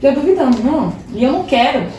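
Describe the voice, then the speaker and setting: Animated young woman telling her story. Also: high-pitched, fast talker. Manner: animated, laughing, self-deprecating storyteller. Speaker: podcast guest. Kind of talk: casual testimony storytelling. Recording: roomy echo, distant mic, faint hiss.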